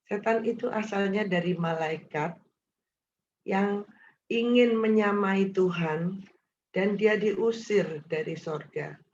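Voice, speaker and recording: Slow woman teaching over a dull call. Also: mid-range voice, darkish tone, a little hiss or hum. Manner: slow, addresses listeners directly. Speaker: devotion leader. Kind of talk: reading scripture and teaching.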